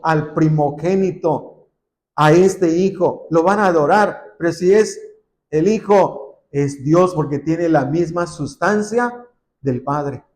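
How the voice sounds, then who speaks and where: A man with a somewhat high voice delivers a sermon to his congregation. He reads scripture aloud with growing force, then turns to rhetorical questions and answers them himself. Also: a little mellow. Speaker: preacher.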